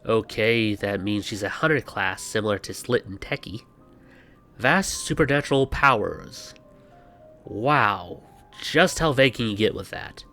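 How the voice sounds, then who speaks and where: Over background music, a video host with a lowish, pushed, bright voice takes his time through a scripted explainer. His intonation is lively, and his banter runs wry and sarcastic, punctuated by exasperated asides.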